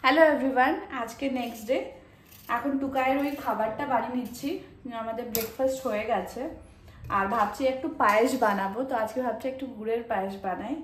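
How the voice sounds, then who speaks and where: A woman's voice: a little high, fairly even intonation, fast talker, slight background noise. A woman and mother vlogging in casual chat, talking straight to her viewers.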